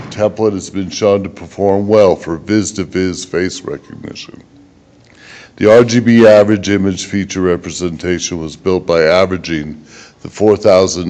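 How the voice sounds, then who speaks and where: Speaking in a low, slightly mellow voice, the researcher delivers his technical conference talk at a measured pace, halting at times with occasional stumbles.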